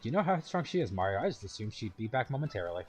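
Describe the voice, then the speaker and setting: A man's voice: fairly low pitch, very animated, racing, darkish tone, soft background music. A man reading aloud as a fussy elderly male mushroom royal attendant in a video game, formal and old-fashioned.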